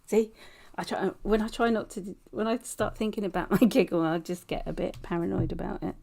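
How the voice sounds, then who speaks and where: Casting: female livestream painter, soft-toned and mellow, hesitant casual chat peppered with nervous giggles. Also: mid-range voice, fairly even intonation, normal speed, gravelly. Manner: frequent nervous giggling while talking; hesitant, rambling, self-conscious.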